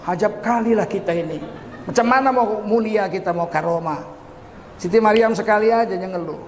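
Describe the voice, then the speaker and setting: A man from Indonesia preaching a humorous sermon, telling the story with lively asides and acted-out quotes. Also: high voice, a little fast, echoey room, in a large hall.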